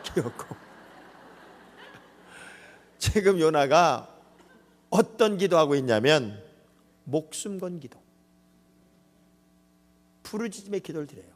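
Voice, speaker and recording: A Korean man preaching a revival sermon from the pulpit, his fairly high voice leaping across a wide range. He swings from loud cries to hushed asides and slips into little acted scenes. Long reverb from the big sanctuary trails behind each phrase. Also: slight background noise. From South Korea. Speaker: pastor. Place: large church sanctuary. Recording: long echoing hall reverb.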